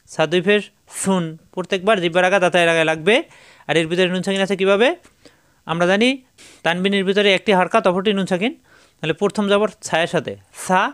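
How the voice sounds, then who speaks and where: A male Quran teacher giving a patient step-by-step recitation lesson, slowly repeating each syllable for his learners. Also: high voice, a bit bright, clear, resonant tone, no room sound, clean studio sound.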